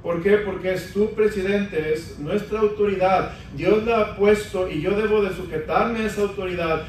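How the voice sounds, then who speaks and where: A man's voice: high-pitched, moderate pace, slight background noise. A man preaching a sermon as pastor, rising into emphatic stretches as he calls on the congregation. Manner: preaching with emphatic rises, addressing the congregation as brothers. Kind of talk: Spanish-language sermon. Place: large church hall. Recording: echoey church hall from a distance.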